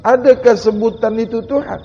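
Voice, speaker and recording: A man with a Malaysian Malay accent giving a Sufi sermon, slowly asking questions and driving points home by repeating them. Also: very high voice, steady tone, dark tone, husky, in a large hall, highs cut off. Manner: slow, questioning, emphatic repetition. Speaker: religious teacher.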